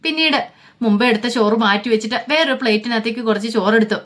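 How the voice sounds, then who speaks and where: A woman tells a family drama, narrating and voicing each character in turn. Her voice sits a little high for a woman. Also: quick pace. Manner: voices each family member with small pitch shifts. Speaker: storyteller. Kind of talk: storytelling narration with voiced dialogue.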